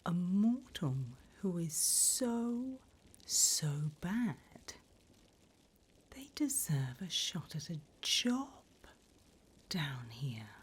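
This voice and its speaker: In an ASMR roleplay, a woman plays a gleefully wicked demoness holding an infernal interview, offering a seductive welcome. Her very breathy whisper is low and unhurried, and her exaggerated phrasing swoops and lingers with big pitch swings, mock-formal and teasing.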